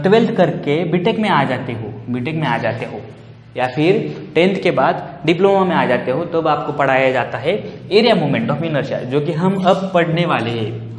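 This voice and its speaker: A man's voice: fairly high pitch, measured pace, slight background noise. A man giving a classroom lecture, asking rhetorical questions and saying "ठीक है" often. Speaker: teacher. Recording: echoey room, long reverb.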